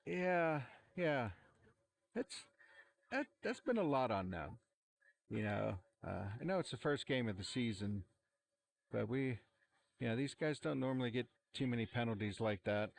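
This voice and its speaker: A man calls football play-by-play at an outdoor field. He talks in a relaxed, rambling way, with fillers and restarts. His pitch sits in a typical middle range for a man. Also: measured pace, creaky, long pauses. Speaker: play-by-play commentator. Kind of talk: amateur sports commentary. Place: outdoor football stadium sideline. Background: cheering fans.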